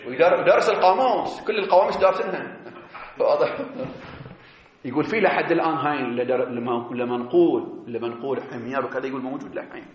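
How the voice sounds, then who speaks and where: A man giving a seminary lecture, explaining animatedly and drawing out key words slowly. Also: medium pitch. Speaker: teacher of religious jurisprudence. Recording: echoey, dull lo-fi classroom recording.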